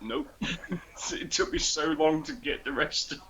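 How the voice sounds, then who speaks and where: A man's voice: a little high, measured pace, a little hiss or hum. A man co-hosting a podcast over a video call, telling stories with lots of laughter and quoted voices. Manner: laughing storyteller, quoting friends in animated voices. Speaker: podcast co-host. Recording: muffled, lo-fi call audio.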